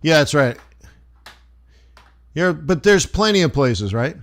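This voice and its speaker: A man's voice: a little high, sing-song, takes it slowly. A man hosting a live trading stream, chatting casually with viewers in a rambling, loose and friendly way. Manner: rambling, loose and chummy, many restarts. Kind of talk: casual livestream chat answering viewers.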